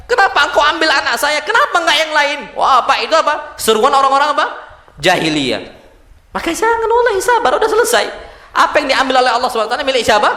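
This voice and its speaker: A male preacher giving a lively mosque sermon, posing rhetorical questions to his listeners and answering them himself, with Arabic quotations mixed in. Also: very high-pitched. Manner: addresses listeners as "Pak", quotes Arabic sayings. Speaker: Islamic preacher. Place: mosque hall. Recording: echoey mosque hall.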